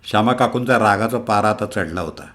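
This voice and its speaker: A man's voice: lowish voice, brisk. Man reading a comic story aloud. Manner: expressive, lively reading.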